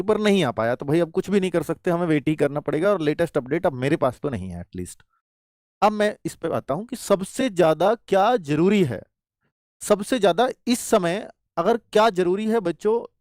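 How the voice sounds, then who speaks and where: Lively high-pitched man coaching students. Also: no room sound, clean studio sound. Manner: animated, addresses students as "bachhon" and "bhai". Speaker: exam coaching teacher. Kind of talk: motivational exam advice talk.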